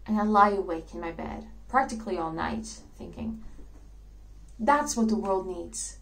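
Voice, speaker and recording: A woman's voice: on the low side, animated, a little slow, vocal fry, exaggerated voice, poor audio. A woman playing a dreamy idealistic actress. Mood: moved. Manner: earnest storytelling with soft laughs. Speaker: actress performing a monologue. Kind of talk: theatrical monologue.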